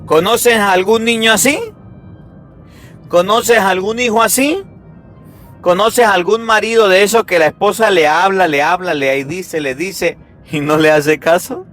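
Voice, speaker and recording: A man with a high voice preaching a Sunday sermon, lively and emphatic, throwing rhetorical questions at his listeners. Faint music plays behind him. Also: unhurried. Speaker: priest.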